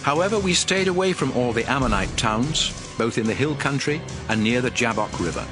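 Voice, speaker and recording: Over background music, a medium-pitched male narrator reads scripture as a dramatized audio Bible. He tells it in a measured, expressive storytelling style.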